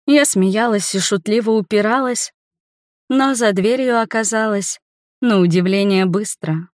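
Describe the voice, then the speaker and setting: A woman narrates a novel in the first person with intimate, emotional delivery. Her voice sits in a middle pitch. The recording is close and dry, with no room sound. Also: measured pace, no room sound. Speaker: audiobook narrator.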